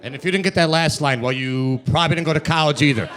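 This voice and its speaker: A man's voice: on the high side, fast talker, fairly bright tone. A man with a thick Chicago accent doing brash, streetwise stand-up comedy. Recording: noisy live comedy room.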